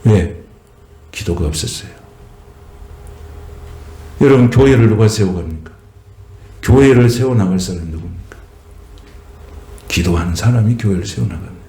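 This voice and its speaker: A man with a Jeolla Korean accent preaching a sermon as a pastor, swelling higher and slower on key phrases. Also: warm tone. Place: church sanctuary. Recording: echoey church room.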